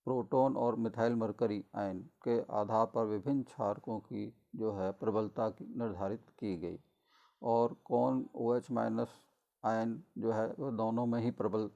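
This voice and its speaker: A middle-aged male lecturer walks through a chemistry lesson in a measured, explanatory way, often pausing on fillers and correcting himself. His voice sits low and carries a gravelly fry, with a dark, mellow tone. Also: dull audio. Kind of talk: recorded college lecture.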